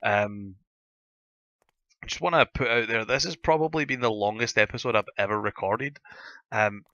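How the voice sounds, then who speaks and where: A Scottish man with a gruff, sore-throated voice, hosting a casual gaming video and rambling as he thinks aloud. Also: lowish voice, moderate pace, bright, forceful tone, muffled recording. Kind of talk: casual Minecraft let's-play commentary.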